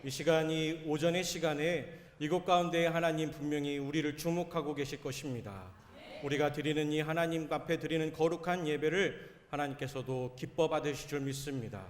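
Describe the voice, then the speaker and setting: Male pastor, sermon, earnest and self-mocking, fairly high voice, roomy church echo. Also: steady tone, brisk. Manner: earnest, with self-deprecating humor. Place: church sanctuary. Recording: echoey church hall.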